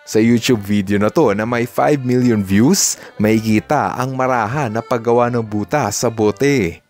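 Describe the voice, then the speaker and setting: An upbeat man narrates a scripted voice-over as a video host, dropping casual English asides into his lines. His pitch sits in the ordinary middle for a man. Soft music plays faintly behind him. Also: a little slow. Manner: upbeat, with Taglish asides and reactions.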